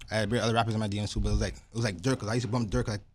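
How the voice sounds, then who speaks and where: A man's voice: fairly low pitch, steady tone, very fast. A young man from Toronto, a rapper guest, talking in a rambling way with lots of fillers. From Toronto, Canada. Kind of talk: casual interview.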